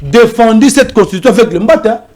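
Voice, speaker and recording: A man arguing politics as a talk show guest, animated and repeating himself as he presses his points. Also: very high-pitched, brisk. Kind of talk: heated political debate in French and Lingala.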